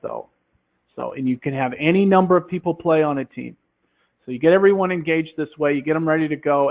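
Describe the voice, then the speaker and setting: A man demonstrating a classroom quiz game, explaining in a relaxed way with many fillers into a headset. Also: a little high. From Minnesota, USA. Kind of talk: software demonstration talk. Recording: tinny phone-like line.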